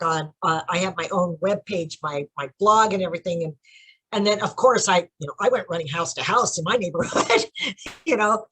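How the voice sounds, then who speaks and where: A woman's voice: medium pitch, fairly bright tone, slightly rough. A middle-aged woman, a children's book author, chatting animatedly in an interview over a video call, laughing often and getting emotional. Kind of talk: casual interview.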